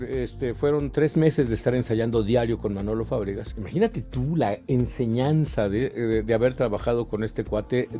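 A middle-aged man with a Mexican accent, an actor telling an anecdote in a lively way and acting out the voices he quotes. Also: normal speed, few pauses, faint music behind. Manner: lively, acts out quoted voices with jumps in pitch and loudness. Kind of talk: anecdotal storytelling.

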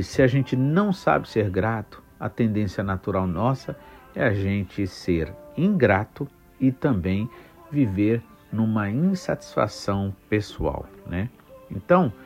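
A man praying and then preaching, unhurried, with frequent pauses and fillers. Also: lowish voice, darkish tone. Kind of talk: prayer and sermon.

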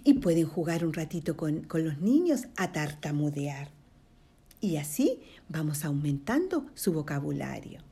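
Una mujer que lee un cuento infantil en voz alta, con pausas para dar consejos a los padres y susurros para crear suspenso. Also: female voice, low voice, slightly rough. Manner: expressive, switching to whispers for suspense. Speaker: storyteller for children. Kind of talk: reading a children's story aloud with tips for parents.

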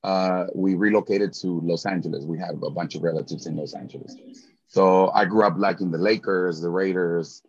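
A man's voice: deep voice, steady tone, moderate pace, slightly rough. A middle-aged man from Mexico with a Mexican Spanish accent, chatting with enthusiasm as a guest in an interview and often repeating words as he starts a thought. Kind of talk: casual interview chat. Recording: dull lo-fi sound.

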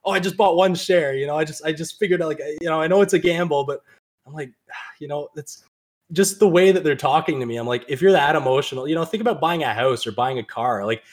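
A man co-hosting a casual trading podcast, rambling and acting out quoted people in a raised voice. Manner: fast, rambling, acts out quoted people in a higher voice. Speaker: podcast co-host.

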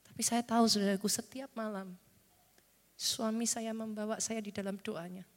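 A woman pastor, moving from fervent prayer to soft, confiding preaching. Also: mid-range voice, steady tone, moderate pace. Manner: fervent prayer with chanted tongues, then soft confiding talk. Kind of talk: sermon. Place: large church hall. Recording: reverberant church hall with music. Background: keyboard music.

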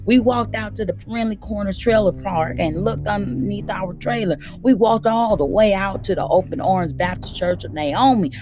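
A woman reading a children's novel aloud in a steady, plain storytelling manner. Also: mid-range voice, normal speed, few pauses, music in the background. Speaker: audiobook reader.

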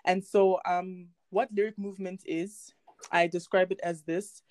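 A woman's voice: on the low side, measured pace, no echo. A young woman, a dancer and poet, chatting cheerfully as an interview guest. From South Africa. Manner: cheerful, giggly, relaxed. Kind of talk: casual interview chat.

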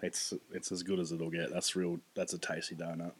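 A man's voice: low-pitched, completely flat delivery, a little fast, breathy edge. An Australian man co-hosting a casual chat, plain-spoken and agreeable. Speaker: podcast co-host.

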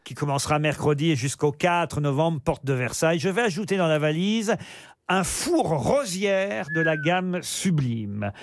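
A man hosting a radio game show, teasing callers and reading sponsor copy briskly. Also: on the high side, animated. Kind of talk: playful radio banter.

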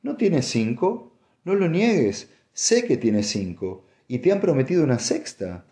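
A man's voice: expressive, moderate pace, dark tone, lightly acted. A man reading an audiobook and voicing a haughty, scheming noblewoman with a cold, cutting manner. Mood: heated. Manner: cutting, mocking, rising to shrill insistence.

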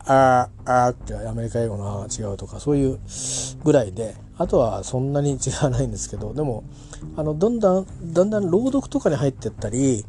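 A man's voice: medium pitch, lively intonation, fast, warm tone, slight background noise. A man talking casually about a pronunciation book, rambling and often correcting himself with many fillers. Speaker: English pronunciation learner reviewing a book. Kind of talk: casual spoken book review.

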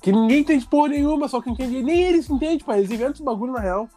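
Man, southern Brazilian accent, rapid speech, slangy, profane, bedroom recording. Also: very high-pitched, dark tone, soft background music. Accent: southern Brazilian, Rio Grande do Sul. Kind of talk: casual chat.

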